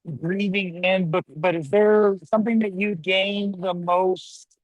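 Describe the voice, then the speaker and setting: A slightly high-voiced man asks a long, searching question that he keeps restarting and rewording. His line keeps cutting out, so the ends of his words drop away in choppy gaps. The sound is dry and close, with no room around it. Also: fairly even intonation, takes it slowly, no echo, poor audio. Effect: choppy connection cutting out word endings. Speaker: podcast host. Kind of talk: remote video-call interview.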